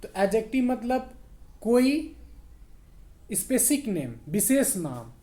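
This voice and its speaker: Slow, patient male English teacher. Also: high voice, very animated, warm tone. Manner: slow, repetitive, checks understanding often. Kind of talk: spoken English lesson in Hindi.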